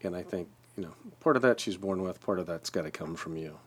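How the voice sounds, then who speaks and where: A man's voice: low voice, fast talker. A man co-hosting a podcast interview, giving short encouraging replies and direct questions. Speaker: podcast co-host. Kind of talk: interview conversation.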